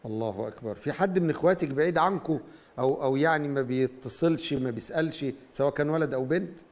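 A man's voice: a little high, fast. A middle-aged man with an Egyptian accent, hosting a call-in show in a conversational, questioning way. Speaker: TV call-in host interpreting dreams. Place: TV studio.

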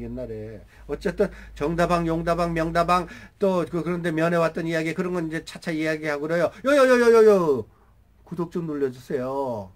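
A man in his sixties telling a personal story in casual, rough speech, swearing freely and breaking into shouts when he quotes himself. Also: on the high side. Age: 60s. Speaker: channel host.

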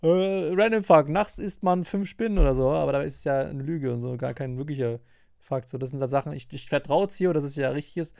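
A man reacting to a video on a stream, rambling through his thoughts with many fillers. His voice is a little high and gravelly. The sound is close and dry, with no room echo. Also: brisk, warm tone. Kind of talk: casual reaction commentary.

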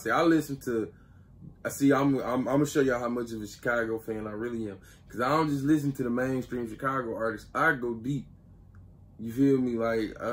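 A young man hosting a reaction video, talking casually in slang, excitable and often checking in with his listeners. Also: medium pitch. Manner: slangy, excitable, keeps asking "you feel me".

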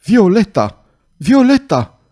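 A man's voice: medium pitch, expressive, warm tone, close to an everyday voice. A man voicing a tormented hulking executioner. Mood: frantic shouting. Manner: anguished, cries out in despair.

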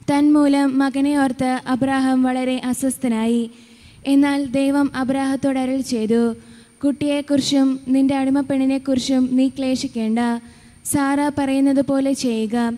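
High-voiced woman reading scripture. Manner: steady measured reading. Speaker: lector. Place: church. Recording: reverberant church hall.

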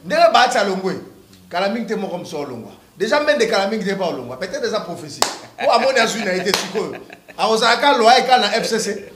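A man giving political opinions in an impassioned interview, repeating words for emphasis and bursting into shouts. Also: high voice, big pitch swings, fast, reverberant, background noise.

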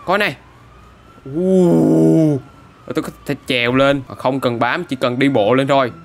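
A male gaming YouTuber in casual commentary, playful and boastful, tossing teasing trash talk at in-game characters. His pitch is mid-range, and clear background music plays throughout. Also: quick pace.

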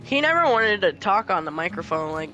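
A woman streams a game and talks nonstop with a friend, cursing freely as she rants. Her voice is bright and sharp at an ordinary pitch, with faint game music underneath. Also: sing-song, brisk, lo-fi sound. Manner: chatty, swears freely, ranting complaints. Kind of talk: casual chat while gaming.

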